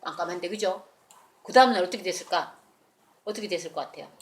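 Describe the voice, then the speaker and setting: A woman's voice: lowish voice, fast. A woman telling a Bible story in a children's sermon and asking the children questions. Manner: animated, asks the children questions.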